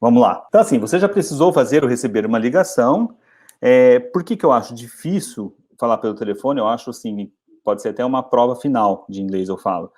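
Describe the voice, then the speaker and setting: Brazilian guy teaching english, storytelling vibe, mellow relaxed voice, animated. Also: brisk. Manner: chatty, animated storytelling with lively pitch jumps.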